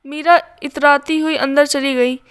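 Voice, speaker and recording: A woman storyteller gives a scripted narration in a measured, plain manner. Her voice is high and fairly flat. She reads at a slow pace.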